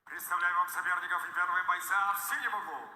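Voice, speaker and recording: A man working as an MMA ring announcer, making formal fight introductions in a brash, hyped showman style with drawn-out names. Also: sits high, fairly even intonation. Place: indoor fight arena. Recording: echoey arena PA, long reverb, faint noise.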